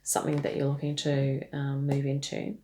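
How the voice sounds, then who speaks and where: Woman, low voice, tarot reader, gentle, hesitant, many ums. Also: monotone, normal speed. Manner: hesitant, many fillers and restarts; gentle, speaks directly to the listener. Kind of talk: tarot reading.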